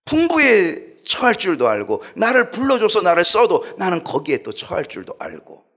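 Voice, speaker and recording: A middle-aged male pastor preaching a sermon in an animated way, asking the congregation questions. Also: sits high, moderate pace, breathy edge.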